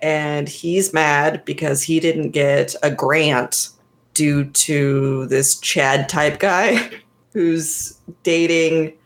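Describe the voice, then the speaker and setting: Woman cohost, kinda low voice, chatty, retelling a movie plot and laughing. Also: fairly even intonation, drawn-out words. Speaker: podcast co-host. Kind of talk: casual chat reviewing a movie.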